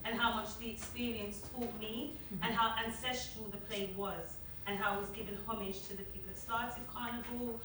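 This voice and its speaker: A woman's voice: fairly high pitch, fairly even intonation, normal speed, few pauses. An actress talking reflectively about her work on a panel. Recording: very echoey room, distant mic, noisy.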